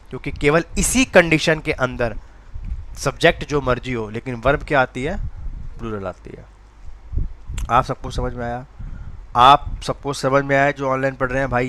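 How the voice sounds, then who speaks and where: A man's voice: medium pitch, fairly bright tone. Man teaching grammar in a lecture. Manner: asks and answers his own rhetorical questions, repeats key points. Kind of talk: classroom lecture for exam preparation. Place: classroom with online students.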